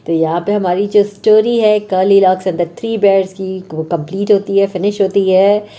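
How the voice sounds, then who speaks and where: A woman's voice: mid-range voice, fairly even intonation, measured pace, mellow. A woman teacher patiently explaining an English textbook story for young children, asking and answering her own questions.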